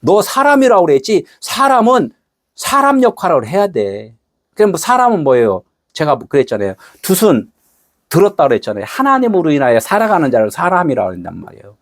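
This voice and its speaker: A man's voice: on the high side, big pitch swings, a little fast, no room sound, studio quality. A middle-aged man preaching a sermon in a casual, conversational way, acting out short quoted exchanges. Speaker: pastor.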